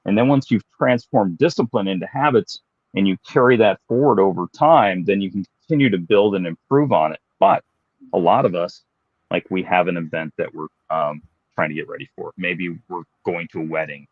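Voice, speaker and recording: A deep-voiced man in his late fifties talks through his fitness journey with easygoing, self-mocking humor. The sound is dry and a bit dull, as if recorded close in a dead room. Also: no echo. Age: 50s. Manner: relaxed, self-deprecating, explanatory. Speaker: guest, fitness professional. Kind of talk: casual interview storytelling.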